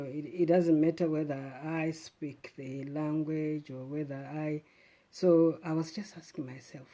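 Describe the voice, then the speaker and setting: A middle-aged woman talks to her live-stream viewers in a low, mellow voice. She speaks in a thoughtful, unhurried way, often pausing on "um" and "uh" and restarting sentences. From Zimbabwe. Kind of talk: casual reflective live stream talk.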